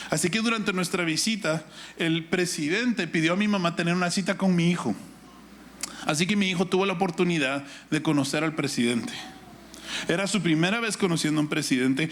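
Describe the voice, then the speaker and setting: His voice sits on the high side with a fairly bright tone: a middle-aged preacher with a Guatemalan Spanish accent. The sermon is instructive, built on Bible reading and a personal anecdote, and full of rhetorical questions and repeated phrases.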